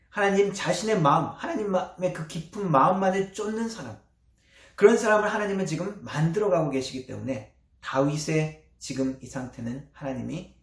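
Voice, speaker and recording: A man preaching a sermon as pastor, with earnest emphasis and soft trailing endings. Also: fairly high pitch, gravelly. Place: church sanctuary. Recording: echoey church hall.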